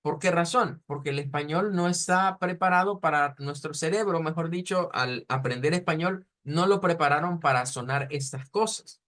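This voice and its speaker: Man, language teacher, slow repetitions, a bit high-pitched. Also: fairly bright tone. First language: Spanish. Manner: patient, explanatory, repeats sounds slowly to model pronunciation. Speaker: German teacher. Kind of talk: online language lesson.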